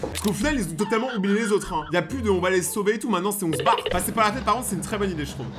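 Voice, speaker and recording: High-pitched, animated young man commenting. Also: rapid-fire, over music. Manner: slangy, joking, reactive. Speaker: reaction video host. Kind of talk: casual running commentary on horror footage.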